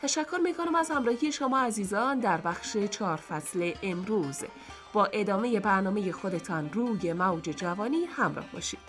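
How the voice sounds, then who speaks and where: A woman reading a folk tale for radio in a lively, expressive way. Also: medium pitch, soft background music. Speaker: radio storyteller.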